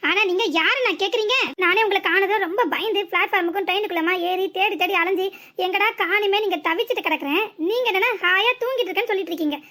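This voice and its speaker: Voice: very high voice, bright, forceful tone. A voice actor doing a scolding young village wife. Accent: southern Tamil Nadu. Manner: scolding, rapid-fire complaints. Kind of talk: cartoon voice acting.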